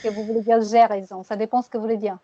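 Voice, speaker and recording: A woman teaching French pronunciation one-on-one, patiently repeating words slowly and laughing often. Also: fairly high pitch, little pitch movement, mellow, no room sound, muffled recording.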